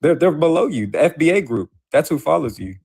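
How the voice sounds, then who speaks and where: A man's voice: on the high side, very animated, brisk, creaky, darkish tone, slightly rough. An American man debating casually as a caller, insistent and argumentative. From Huntsville, Alabama, USA.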